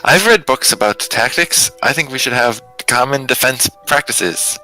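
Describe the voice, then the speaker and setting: A man's voice: medium pitch, moderate pace, sharp tone, faint music behind, poor audio. A man role-playing in a tabletop game, playful and eager, often laughing. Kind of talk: in-character role-play discussion.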